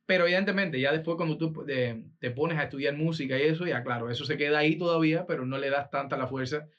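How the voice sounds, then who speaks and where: A Cuban man with a Cuban Spanish accent, a guest telling stories in an interview, animated and laughing often with many fillers. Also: a little high, fast talker. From Cuba. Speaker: guest, improvising poet and musician. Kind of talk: storytelling interview chat. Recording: dull lo-fi sound.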